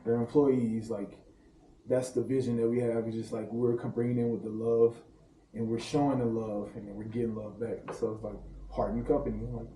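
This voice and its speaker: Dark-voiced man telling stories in a roomy space. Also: medium pitch, flat delivery, normal speed, slight background noise. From St. Louis, Missouri. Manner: loose, laughing, slangy storytelling. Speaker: private chef guest. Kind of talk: casual podcast chat. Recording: roomy room, distant mic, faint ambience.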